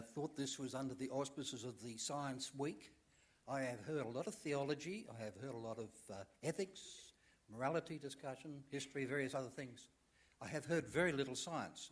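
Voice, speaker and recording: A man from the audience puts a long question to the panel. His voice is mid-pitched and ordinary. He speaks deliberately and hesitantly, pausing on fillers. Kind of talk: question from the floor.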